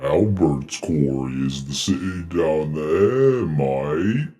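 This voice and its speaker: A man's voice: rumbling low, lively intonation, takes it slowly, dark tone, heavily acted. A man voicing a wary, lonely talking ship that keeps calling people mate, in a tabletop game. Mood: gruff. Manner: drawling, keeps saying mate and right.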